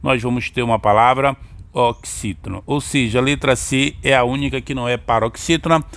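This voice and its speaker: A man's voice: medium pitch, fairly even intonation, fairly quick, fairly bright tone. A man with a Brazilian accent teaching an exam-prep grammar lesson, explaining step by step and often checking in with his listeners.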